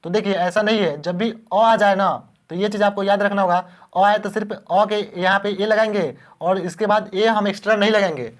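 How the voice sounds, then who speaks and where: A man's voice: high-pitched, steady tone, moderate pace, hardly any pauses. A man teaching beginners how to spell words, patiently repeating each word and asking the class questions.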